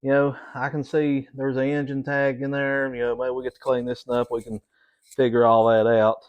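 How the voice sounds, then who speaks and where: A middle-aged man speaks at a medium pitch. He hosts a casual vlog and sounds folksy and plain-spoken. His delivery is halting, as he works out what to say while he goes. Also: completely flat delivery, clear, resonant tone, highs cut off. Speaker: host of a hobby repair channel.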